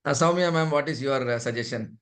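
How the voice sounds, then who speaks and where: A man's voice: medium pitch, fairly quick, a bit bright. A man with an Indian accent leading an interactive online class, prodding participants and repeating points to drive them home. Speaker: trainer leading an online session. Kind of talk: interactive teaching, calling on participants.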